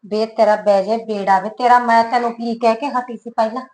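A woman playing a fretful, sharp-tongued village woman with a Punjabi accent, who scolds, calls out loudly and frets about gossip. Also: on the high side, steady tone, a little fast, a little hiss or hum, natural voice. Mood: scolding. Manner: scolding, anxious about gossip, loud when calling. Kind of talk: comic short-film acting.

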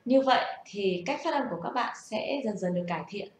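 A woman's voice: mid-range voice, lively intonation, fairly quick. A young woman gives a casual, patient spoken lesson and asks the listener rhetorical questions. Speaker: self-taught English learner sharing tips. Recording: echoey room.

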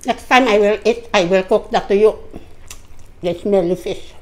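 A woman's voice: mid-range voice, normal speed. A woman with a Filipino accent, talking while chewing in a mukbang eating vlog, her speech muffled by food and mixing broken English with Tagalog words. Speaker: vlogger.

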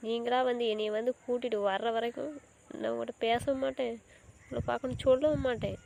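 A woman's voice: on the high side, flat delivery, fast, creaky, a little mellow, slight background noise. A woman playing a hurt young wife in an amateur drama, scolding and insisting. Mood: angry. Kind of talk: amateur web drama acting.

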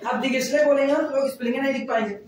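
Guy teaching a math class, high voice, really echoey room, mic kinda far. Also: very fast, a little hiss or hum. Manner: chatty, repeats phrases while dictating. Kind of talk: classroom lecture.

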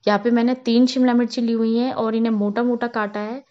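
Speaking fast, a woman with a fairly high voice calmly narrates the steps of a home cooking tutorial for her cooking channel. She isn't on camera, and the voice-over sounds a bit dull and lo-fi.

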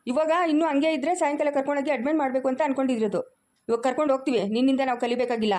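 An angry son, played by a woman, harshly defending his mother in a family drama, with a Chikkaballapur Kannada accent. The voice is high and the threats come quick. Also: fairly even intonation, dark tone, close to an everyday voice.

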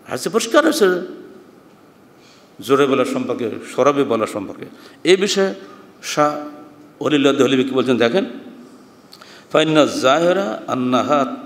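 An older Bangladeshi man giving a Friday sermon, reading Arabic quotes slowly, explaining them and asking the listeners questions. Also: fairly high pitch. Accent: Bangladeshi Bengali. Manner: asks the listeners rhetorical questions. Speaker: preacher. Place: mosque hall at a madrasa. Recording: echoey hall with long reverb.

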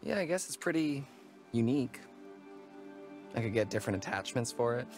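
A man's voice: medium pitch, lively intonation, normal speed, darkish tone, faint music behind, lightly acted. A young male actor playing a wounded, wryly joking young man in a video game cutscene. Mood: wry, hesitant. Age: young adult. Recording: game ambience noise behind the voice.

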